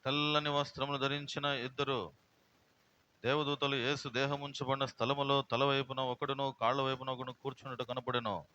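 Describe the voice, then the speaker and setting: A male pastor preaches in a forceful, bright voice. He swings between loud and soft and keeps asking his listeners questions. The recording sounds dull and lo-fi. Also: medium pitch, level tone, a little fast, a little hiss or hum. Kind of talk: sermon.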